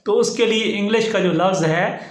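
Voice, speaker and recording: A man teaching English pronunciation, slowly repeating each word with careful stress. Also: high voice, echoey room. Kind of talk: explanatory lesson.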